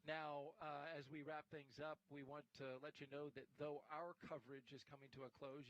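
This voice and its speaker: A man's voice: on the high side, fairly bright tone, low-quality recording. A middle-aged American man hosting a live launch broadcast on a studio headset. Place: indoor broadcast studio desk.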